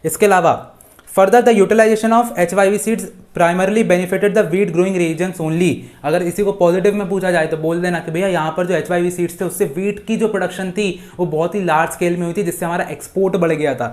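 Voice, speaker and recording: ऊँची आवाज़, पुरुष, हिंदी में समझाता, अंग्रेज़ी नोट्स धीमे पढ़ता, भारतीय लहजा. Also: male voice, high voice, fairly even intonation, darkish tone. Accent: Indian English. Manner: mixes Hindi with slow English read-outs from notes. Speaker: teacher. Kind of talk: live online exam-revision lesson.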